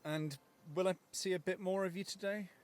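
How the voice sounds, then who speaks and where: An actor playing a young Englishman in a video game, joking in a dry, deadpan way. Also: high-pitched, moderate pace, close to an everyday voice. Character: young man, dry joking countryside companion.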